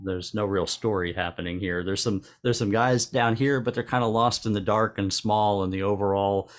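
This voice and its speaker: Man, low voice, club presenter, photo critique, halting with restarts. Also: fairly even intonation.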